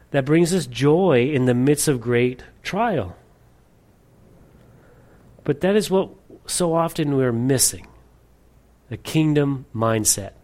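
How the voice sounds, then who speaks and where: Earnest male pastor preaching. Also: medium pitch. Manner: earnest, shifts between emphatic and hushed. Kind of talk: sermon.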